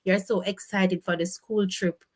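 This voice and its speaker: A woman's voice: mid-range voice, little pitch movement, measured pace. Chatty Jamaican woman livestream host. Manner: chatty, storytelling, laughs often, switches into patois. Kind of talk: casual livestream chat, reading viewer comments.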